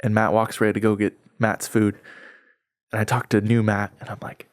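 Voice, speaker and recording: A man's voice: fairly low pitch, flat delivery, normal speed, no room sound, studio quality. Earnest young man sharing a testimony. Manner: earnest, heartfelt, conversational with frequent "like". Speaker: podcast guest. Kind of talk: personal faith testimony storytelling.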